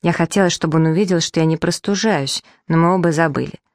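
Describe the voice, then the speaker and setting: Woman narrator, children's story, low voice, dry close sound, lively first-person telling. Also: fast, no room sound. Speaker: audiobook narrator.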